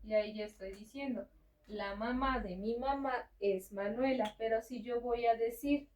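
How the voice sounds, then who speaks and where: A woman whose voice is a little high and slightly mellow teaches French at home as an informal tutor, speaking at normal speed. She goes patiently step by step and checks in with the learner often. The sound is roomy and far from the microphone.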